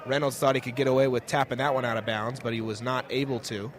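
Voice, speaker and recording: At a quick pace and medium pitch with little pitch movement, a young adult announcer calls live radio play-by-play of a basketball game. The setting is an indoor school gym, and the noisy courtside recording clearly picks up gym ambience and bouncing balls.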